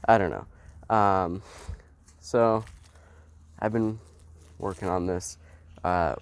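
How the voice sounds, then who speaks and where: A young man explaining his truck repair in a casual vlog, halting and full of ums, filming outdoors on a phone. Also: sits low, steady tone, clear, resonant tone, no echo. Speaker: homesteading vlogger. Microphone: phone held while filming.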